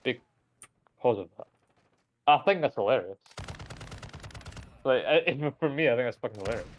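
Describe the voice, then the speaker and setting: A male streamer chatting casually on a live stream in a mid-pitched, everyday voice. He rambles through his story with plenty of fillers and restarts. He drops in swearing without a second thought. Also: expressive, unhurried, dull audio, a little hiss or hum. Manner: rambling, hesitant, swears freely.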